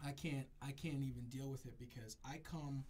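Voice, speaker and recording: Warm and medium in pitch, his intonation fairly even and his speed normal, this adult Jamaican DJ moved to America as a boy. Appearing as an interview guest, he muses casually and says things more than once to stress them.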